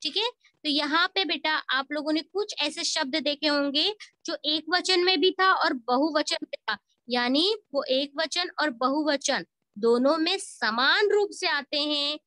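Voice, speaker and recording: Over a video call, a woman teaches a school Hindi grammar lesson, mixing English words into her Hindi, calling her pupils beta, and answering her own questions. Her voice is high, a little slow, pushed and bright, with no echo.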